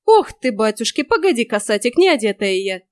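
A woman's voice: a little high, animated, normal speed, no room sound, lightly acted. A woman doing a snapping old witch. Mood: scolding. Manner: snapping, loud scolding. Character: grumpy bossy old female witch. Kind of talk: audiobook character voice.

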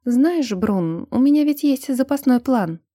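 A woman voicing a stubborn young woman turning into a vampire, sharp and defiant, in an audiobook. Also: high-pitched, animated, measured pace, no echo, studio quality, pitched above the performer's own voice. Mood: quiet earnest.

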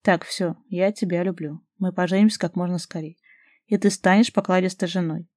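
A woman reading the part of a confident young man in love, speaking softly and calmly. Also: fairly low pitch, moderate pace, no room sound, studio quality, lightly acted. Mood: tender teasing.

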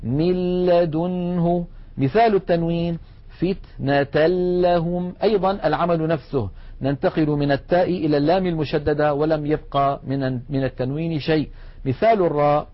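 A man with a fairly high voice gives a tajweed lesson, talking straight to his students. He recites each example slowly and drawn out between his explanations, and the recording sounds dull and lo-fi. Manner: addresses students directly, instructive. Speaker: Quran recitation teacher.

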